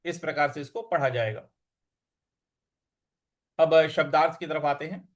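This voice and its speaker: A man teaching Sanskrit recitation, chanting verses slowly and drawn out, then explaining patiently and briskly. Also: fairly high pitch. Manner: patient, instructive. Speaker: scripture teacher.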